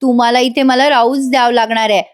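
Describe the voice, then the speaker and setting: Woman doing a sweet teasing young wife, coaxing, high voice. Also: fairly even intonation, fast talker, smooth, natural voice.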